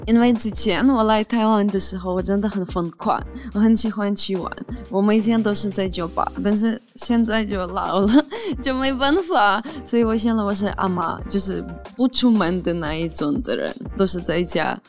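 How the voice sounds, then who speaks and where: A woman's voice: medium pitch, moderate pace, faint music behind. A young woman from Ukraine chatting casually as an interview guest, speaking Mandarin as a foreigner in simple phrases with a Ukrainian accent. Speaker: podcast guest.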